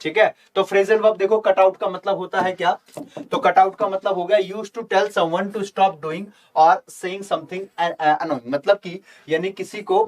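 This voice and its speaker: A man teaching English vocabulary in a live online exam-prep lesson, coaxing viewers to comment and chanting memory tricks in a slow singsong. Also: high voice. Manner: addresses viewers as children, asks for comments.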